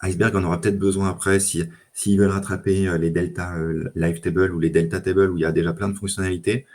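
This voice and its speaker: Man, very low voice, easygoing tech podcast guest, lots of "euh". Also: fast talker. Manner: relaxed, many fillers and restarts. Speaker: data engineer guest. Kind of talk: casual tech chat.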